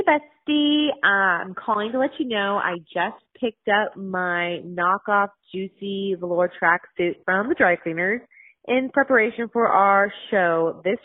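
A woman leaves a chatty, rambling voicemail at a middle pitch. She is heard over a landline phone that sounds thin and narrow. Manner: chatty, rambling, self-correcting. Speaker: podcast co-host. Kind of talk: comedic voicemail message. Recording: tinny narrow phone line.

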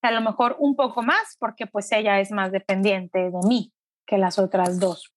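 A middle-aged woman and mother telling her story in an earnest, reflective way, often slowing down. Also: mid-range voice, fairly even intonation, dry recording. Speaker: interviewee, mother. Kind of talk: emotional personal testimony.

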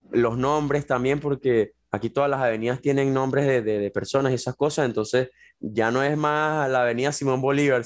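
Man, twenties, Venezuelan Spanish accent, casual podcast chat, laid-back, chatty. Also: mid-range voice. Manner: relaxed, chatty, many fillers like "bro" and "este". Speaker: guest, jiu-jitsu athlete.

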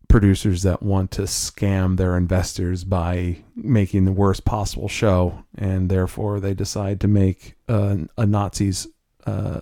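Low, mellow-voiced man chatting. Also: no echo, studio quality. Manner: thoughtful, halting with restarts. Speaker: podcast co-host. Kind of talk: casual chat.

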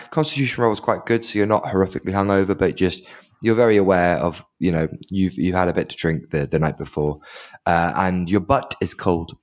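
A man narrating as game master of a tabletop game, loose and joking. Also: deep voice.

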